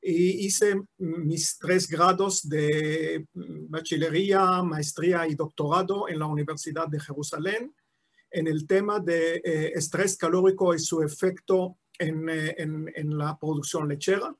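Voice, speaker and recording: Older Israeli-born man, 70s, online lecturer; slow and hesitant, lots of fillers, slightly high voice, video-call sound. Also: fairly even intonation. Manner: halting, many drawn-out "eh" fillers and restarts. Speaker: guest lecturer. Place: at home in his city, video call. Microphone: video call mic.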